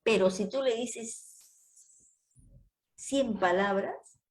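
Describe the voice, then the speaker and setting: An older woman teaching a women's Bible study, giving homely advice with family anecdotes and dwelling slowly on scripture phrases. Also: fairly high pitch, low-quality recording. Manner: slow, deliberate scripture emphasis.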